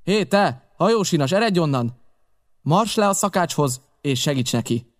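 A man's voice: mid-range voice, natural voice. A man reading an audiobook, voicing a stern, curt ship captain who barks orders at his crew. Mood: commanding. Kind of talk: audiobook character voice.

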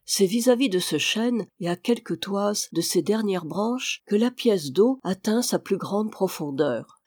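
A reader narrating a classic adventure novel in a measured, even storytelling voice. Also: mid-range voice, no echo. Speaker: audiobook reader. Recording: dry, close recording.

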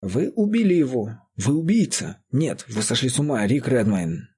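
Man doing a steady estate steward, pleading, raised voice, mellow, very breathy. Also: medium pitch, normal speed, heavily acted. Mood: alarmed. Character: steady middle-aged male estate steward, shocked and earnest.

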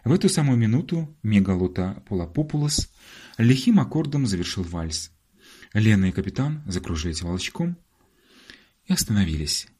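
A man reading an audiobook as narrator, measured and ironic. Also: lowish voice, big pitch swings, warm tone, slightly rough. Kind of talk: scripted narration.

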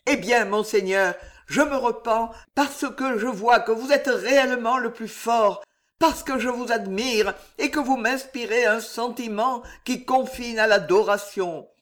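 A pleading young churchman, as a male reader puts him on, raised and quavering, words tumbling out in a stammer before a stern master. the voice sits high and moves slowly even as it begs. it is a storybook reading. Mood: fervent confession. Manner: trembling, stammering pleas. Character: young male cleric, frightened, pleading, ambitious.

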